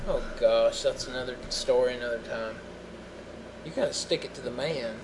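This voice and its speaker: A man's voice: medium pitch, moderate pace, noisy background. Young man with the hiccups, rambling. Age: young adult. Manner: rambling, self-interrupting, jokey. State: has the hiccups. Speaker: podcast co-host. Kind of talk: casual podcast chat.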